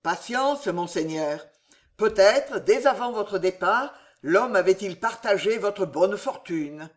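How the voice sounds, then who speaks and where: A man's voice: sits high, animated, slow pace. A man voicing a scheming young nobleman who mocks his elder brother with false deference, in a storybook reading. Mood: insinuating. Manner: mocking, hissing, falsely deferential.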